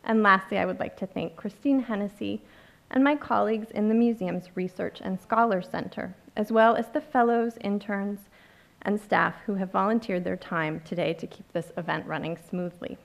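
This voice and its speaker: A woman conference organizer reading formal acknowledgements in an auditorium, in a measured, scripted way. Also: mid-range voice, gravelly. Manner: reads a list of thanks, measured.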